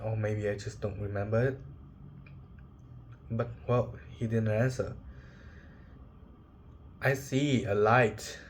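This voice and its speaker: Slow, halting young man sharing a story. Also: on the low side, darkish tone, slight background noise. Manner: halting, searching for words, emotional. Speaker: vlogger. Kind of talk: personal reflective monologue.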